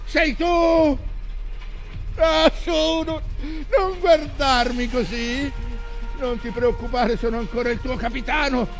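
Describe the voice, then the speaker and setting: An actor playing an old, obsessive, commanding whaling captain in a grandiose theatrical monologue. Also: male voice, extremely high pitch, fairly bright tone, heavily acted. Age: older. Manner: grandiose, commanding, impassioned, slow deliberate phrasing.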